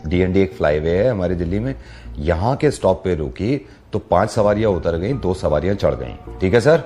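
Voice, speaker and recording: A man's voice: deep voice, animated, normal speed, warm tone, faint music behind. Teasing male radio host. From based in Delhi. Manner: teasing, storytelling, chatty. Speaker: radio host making prank calls. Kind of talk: playful prank call banter. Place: radio studio.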